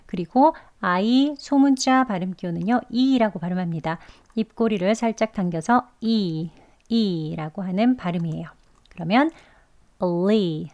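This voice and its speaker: A woman's voice: mid-range voice, a little mellow, muffled recording. Woman patiently teaching pronunciation, step by step. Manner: patient, step-by-step explaining, demonstrates sounds slowly. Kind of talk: pronunciation lesson.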